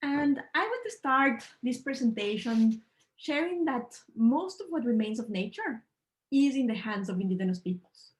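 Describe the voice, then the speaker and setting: On a rough video-call recording, a woman from Ecuador gives an online presentation as a panel speaker, her voice on the high side with lively intonation. She's earnest and measured in manner, and her phrasing is slightly non-native.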